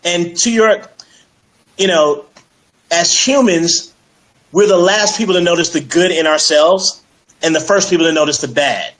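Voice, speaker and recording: A man speaking as a fitness coach in a casual interview, energetic and persuasive, with many fillers like "you know". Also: high-pitched, unhurried, pauses often, rough recording. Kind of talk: casual interview on a live stream.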